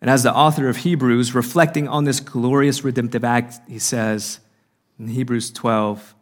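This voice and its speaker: A man's voice: mid-range voice, steady tone. Earnest man preaching. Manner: earnest, slows down to stress lines. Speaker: conference speaker. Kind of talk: sermon. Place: conference hall.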